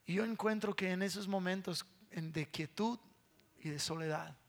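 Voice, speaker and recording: A man's voice: high-pitched, normal speed. A man in his thirties preaching a sermon, telling a conversational story with repeated words and playful sound imitations.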